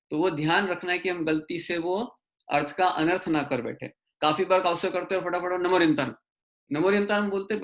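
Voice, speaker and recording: A man teaching an online class, mixing English into Hindi and slowly drawing out syllables to correct pronunciation. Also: on the high side, a bit bright. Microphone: video call.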